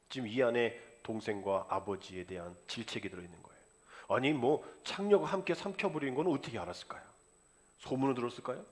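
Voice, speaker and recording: A male pastor preaching a sermon, acting out the characters' words in lively dialogue. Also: mid-range voice. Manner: animated preaching, acts out the father and son in dialogue.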